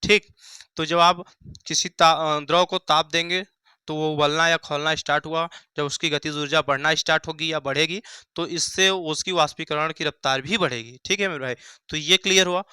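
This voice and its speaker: A man's voice: fairly high pitch, steady tone, moderate pace, pushed and bright, clean tone, dry recording. A young man teaching a Hindi science lesson at a board, who asks the class questions and answers them himself, repeating key phrases. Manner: repeats key phrases, calls students "bhaiya" and "mere bhai".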